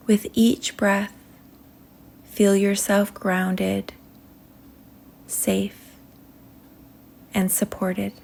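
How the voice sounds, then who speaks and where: A woman guides a meditation soothingly, using short phrases separated by long pauses that fade softly toward a whisper. Her mid-range voice is monotone and gravelly, and there's a little hiss or hum in the recording.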